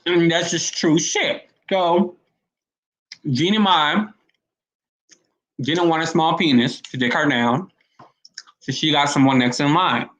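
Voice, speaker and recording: Blunt rambling man, higher voice. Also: slow pace, pauses often, a bit bright, low-quality recording. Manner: blunt, rambling, addresses viewers directly. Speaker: commentary host. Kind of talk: casual opinion commentary.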